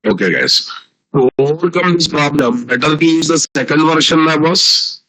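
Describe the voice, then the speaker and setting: A man's voice: a little high, lively intonation, moderate pace, bright, forceful tone, low-quality recording. A man with an Indian Telugu accent giving a live online programming lecture as a teacher, repeating phrases and often checking with students through questions.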